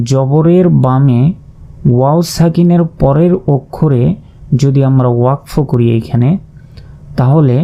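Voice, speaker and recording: A man teaching Quran recitation in a slow, methodical lesson, spelling out letters and vowel marks, then drawing out each word. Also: mid-range voice. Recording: dull lo-fi recording.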